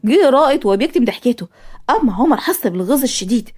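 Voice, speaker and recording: A woman storyteller with an Egyptian accent, her voice a touch high. She narrates a cartoon-style family drama at a quick, lively pace. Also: husky.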